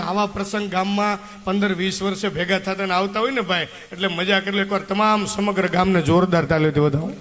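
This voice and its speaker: A male folk comedian teases and rouses a village crowd. His voice is high and bright. It rings out through a stage PA with a long echo. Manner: chatty, teasing, audience-rousing. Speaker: folk dayro performer. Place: outdoor village festival stage. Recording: echoey public-address reverb.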